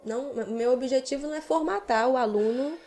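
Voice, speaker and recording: A woman singing teacher with a Brazilian Portuguese accent patiently explains vocal technique during a casual podcast conversation. Her voice is high, a little mellow and fairly quick.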